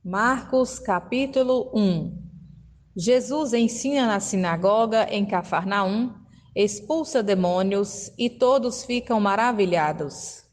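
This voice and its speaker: Female announcer, slow formal delivery, long reverb tail. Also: mid-range voice. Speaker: chapter announcer. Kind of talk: scripted announcements.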